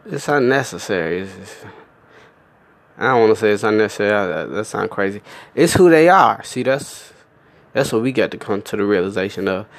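A man's voice: medium pitch, no echo. A young man delivering a profane, emphatic comic rant, laughing often. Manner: animated, emphatic and laughing, with frequent swearing.

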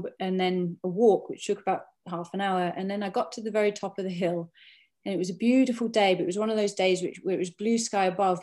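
A woman's voice: fairly low pitch, darkish tone. Middle-aged british woman, archaeologist, chatty rambling story, lots of restarts and ums. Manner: rambling, frequent restarts and fillers. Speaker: archaeologist and Druid. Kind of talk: casual personal storytelling.

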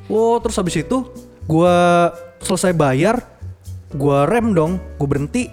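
Young male co-host, high voice, slangy animated storyteller, faint music under. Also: unhurried. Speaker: podcast co-host. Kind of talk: casual chat.

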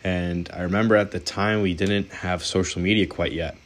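A man's voice: low-pitched, fairly even intonation, moderate pace. A young man hosting his own podcast, telling his life story in an earnest, candid way with small restarts. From born in Israel, raised in New York. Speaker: podcast host. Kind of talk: personal storytelling monologue.

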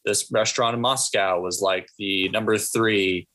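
A man's voice: on the low side, fairly even intonation, unhurried, bright, forceful tone. A young man in casual podcast chat, rambling with lots of fillers and playful made-up stories. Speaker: podcast co-host.

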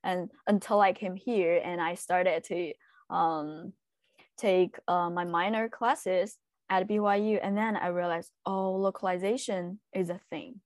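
Her voice sits on the low side and stays steady in this dry, close recording. The Chinese-accented young woman from China, a translation student appearing as a guest, gives casual interview answers full of hesitation, fillers and pauses.

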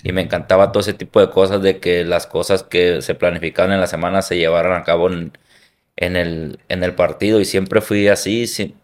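A man's voice: low-pitched, fairly even intonation, fairly quick. A man from Hermosillo with a Sonoran Mexican accent, a football coach and former player, answering interview questions in an earnest, reflective way. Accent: Sonoran Mexican Spanish.

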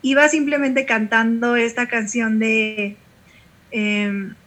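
A Mexican-accented woman who is a pastor and singer tells stories in a conversational interview, bringing in vivid quoted dialogue. Her voice is a little high and a bit bright, steady in tone, and slow.

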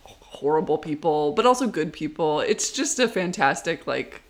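Podcast co-host, chatty and enthusiastic, laughs easily, mid-range pitch. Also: expressive, moderate pace. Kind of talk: casual chat.

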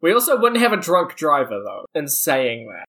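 A woman playing a tabletop game in a dry, unhurried way. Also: low-pitched, sing-song, fairly bright tone. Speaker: player. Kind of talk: casual tabletop game chat.

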